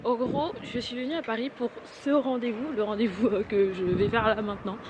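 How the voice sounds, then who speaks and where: A woman's voice: on the high side, steady tone, brisk, very noisy. A young adult woman chatting casually for a vlog, informal and often restarting her sentences. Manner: informal, filler-heavy, self-interrupting. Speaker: lifestyle vlogger.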